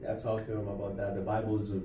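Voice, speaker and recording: A man's voice: fairly low pitch, completely flat delivery, racing, mellow, distant mic, slight background noise. A man from Colombia in a casual discussion, speaking earnestly and often restarting his words. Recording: roomy audio from off-mic.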